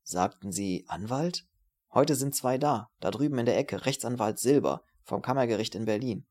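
A man's voice: mid-range voice, moderate pace, darkish tone, lightly acted. Man reading a polite hard-of-hearing old waiter, formal, deferential, audiobook.

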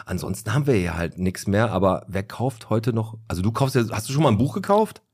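A man's voice: lowish voice, expressive, a little fast, a little mellow, slightly rough. A man co-hosting a podcast in casual chat, often laughing and acting out voices in his anecdotes. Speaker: podcast co-host.

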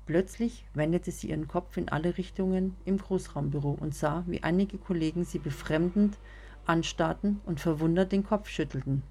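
A woman narrating a serialized story in a steady, measured reading voice. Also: deep voice, breathy edge.

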